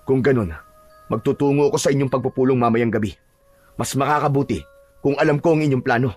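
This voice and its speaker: A man voicing a calm, steadfast village chieftain in a narrated horror audio drama, speaking in a measured, reassuring way. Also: mid-range voice, faint music behind, natural voice.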